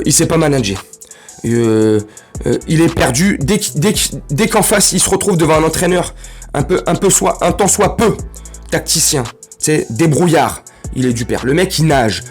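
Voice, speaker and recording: A man hosting a football fan vlog, ranting casually in street slang and breaking into loud outbursts and jokes. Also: on the high side, husky. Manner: animated, slangy, bursts into shouting and laughs. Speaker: football fan channel host.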